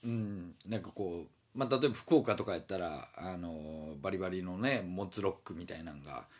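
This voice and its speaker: A man from Osaka with a Kansai accent, talking alone in a meandering, casual way with many fillers and pauses. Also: sits low. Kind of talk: casual solo talk.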